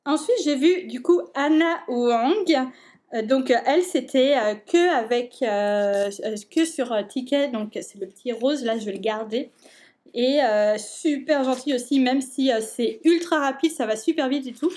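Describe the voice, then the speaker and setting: A young woman chatting casually and excitedly as a book vlogger, full of fillers and restarts. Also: high-pitched, unhurried. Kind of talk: casual chat.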